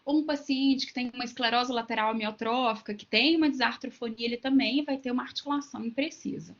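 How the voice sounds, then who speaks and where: A woman's voice: fairly high pitch, fast talker, highs cut off. A woman with a Minas Gerais accent giving an online lecture to teachers, explaining with everyday examples and asides. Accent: Minas Gerais Brazilian Portuguese. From Minas Gerais, Brazil.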